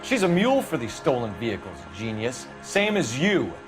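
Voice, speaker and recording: An actor playing a young, hard-pressing police detective who questions a suspect forcefully in a 1940s crime game. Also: male voice, medium pitch, very animated, moderate pace, over music, close to an everyday voice. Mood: accusing. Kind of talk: video game voice acting, 1940s crime drama.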